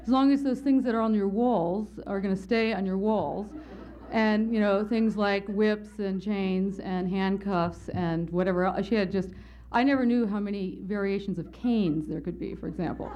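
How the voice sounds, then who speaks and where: A woman's voice: mid-range voice, steady tone, normal speed, dark tone, slight background noise. A woman speaker at a conference telling a candid, wry personal story as part of her lecture. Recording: slightly muffled lo-fi lecture recording.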